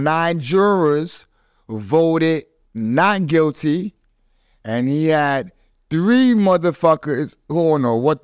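Close on a studio microphone, a man hosts a casual podcast chat, telling stories in street slang. His voice is fairly high and smooth, and the small studio, lined with foam panels and curtains, adds no room sound.

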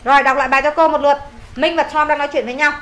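A woman's voice: sits high, steady tone, racing, fairly bright tone. A Vietnamese woman teaching an English lesson in a classroom, reading lines aloud, translating them and drilling vocabulary with repetition.

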